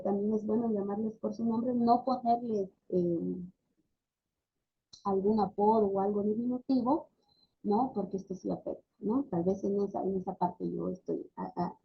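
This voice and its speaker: A woman's voice: medium pitch, steady tone, moderate pace, gravelly, slightly rough. A woman, a speech therapy lecturer explaining things in an online class, often checking in with tag questions. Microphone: video call. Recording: dull lo-fi video call audio.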